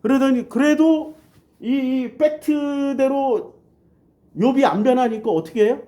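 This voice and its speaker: A woman's voice: high-pitched, measured pace, dark tone. A woman pastor preaching a sermon in blunt, earthy speech, asking rhetorical questions and answering them herself. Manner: blunt, colloquial and earthy wording.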